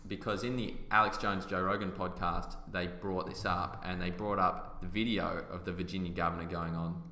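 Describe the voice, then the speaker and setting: The voice sits low, level and moderately paced, sounding pushed and bright. He's a podcast host giving casual opinions in an emphatic, argumentative way, recorded in a roomy room with echo.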